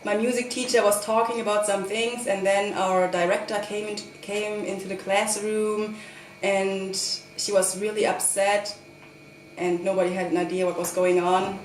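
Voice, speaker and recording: A woman's voice: mid-range voice, flat delivery, normal speed, a little hiss or hum. A woman in her twenties with a German accent, recalling a memory in English in simple, earnest words. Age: 20s. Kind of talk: personal recollection. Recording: echoey room.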